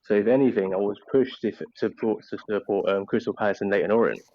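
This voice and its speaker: A man's voice: fairly low pitch, no echo. A man who grew up in the Caribbean and East London, insistently arguing his view in a casual football debate. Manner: insistent, rapid-fire. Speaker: club podcast member. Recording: muffled online voice chat.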